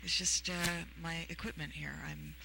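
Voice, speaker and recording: A woman's voice: on the low side, steady tone, measured pace, gravelly, noisy background. A woman hosting a radio talk show, rambling playfully with many fillers and puns. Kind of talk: casual radio chat.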